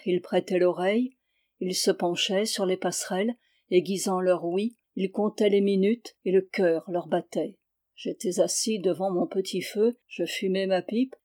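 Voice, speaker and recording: A woman narrating a literary novel aloud, calm and measured, with expressive phrasing. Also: mid-range voice. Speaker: audiobook reader.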